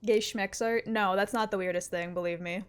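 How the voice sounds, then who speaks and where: A woman game streamer chatting casually on a livestream in a playful, expressive, sometimes sweary way. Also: medium pitch, normal speed, clear, resonant tone. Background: game music.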